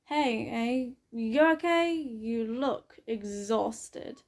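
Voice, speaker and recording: A woman voicing a protective, caring teenage boy who speaks with quiet concern. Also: on the high side, lively intonation, very slow, heavily acted.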